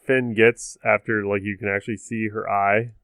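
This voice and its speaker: Male guest, low smooth voice, wry, dry recording. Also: little pitch movement, moderate pace, a bit bright, dry recording. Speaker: podcast guest. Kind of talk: casual podcast chat.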